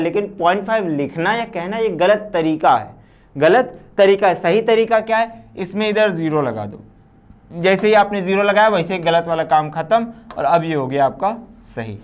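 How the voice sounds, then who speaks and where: A man teaching a physics class, asking and answering his own questions and repeating points for the students. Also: high voice. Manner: addresses students as children. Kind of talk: recorded class lecture.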